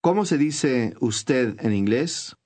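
A man giving clear, patient scripted instructions as a language course narrator. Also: mid-range voice, expressive, slow, darkish tone.

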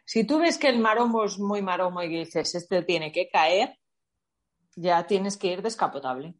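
A woman's voice: medium pitch, animated, normal speed. A woman co-hosting a casual chat, teasing and playfully acting out little scenes. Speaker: podcast co-host.

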